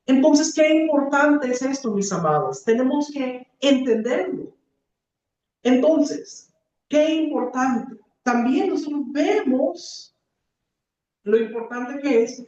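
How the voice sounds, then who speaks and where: A woman preacher giving an earnest teaching sermon, often pausing on rhetorical questions. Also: sits high, animated, darkish tone. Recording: echoey, distant, dull room recording.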